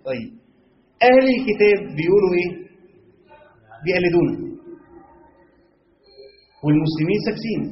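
A man's voice: sits high, echoey room, lo-fi sound, slight background noise. A man with an Egyptian accent giving a religious lesson on Quran commentary, mixing colloquial and classical Arabic and asking rhetorical questions. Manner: rhetorical questions, stretched emphasis.

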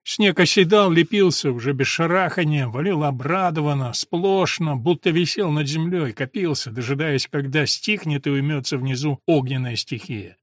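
A man's voice: fairly high pitch, normal speed, few pauses, dry recording, studio quality. A man giving scripted literary narration as an audiobook reader.

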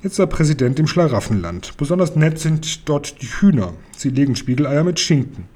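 A man's voice: a little high, sing-song, moderate pace, dark tone. A man doing a jolly eccentric pharmacist uncle. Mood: boastful. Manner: jolly, boastful, cheeky. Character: cheerful eccentric middle-aged pharmacist uncle.

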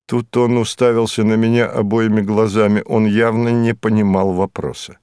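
A man narrating a novel in the first person, in a measured storytelling manner. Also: on the low side, flat delivery, darkish tone, clear, resonant tone, dry recording, clean studio sound. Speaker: audiobook narrator.

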